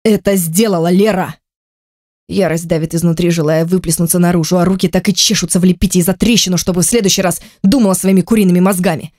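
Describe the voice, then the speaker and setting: A reader giving measured first-person audiobook narration into a close microphone. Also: medium pitch, fairly even intonation, darkish tone, no echo.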